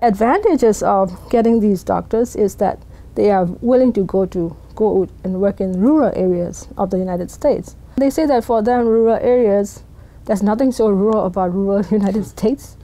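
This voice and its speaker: A woman's voice: medium pitch, normal speed, mellow, poor audio. A middle-aged woman program coordinator speaking earnestly and emphatically in a documentary interview in an office. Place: indoor office.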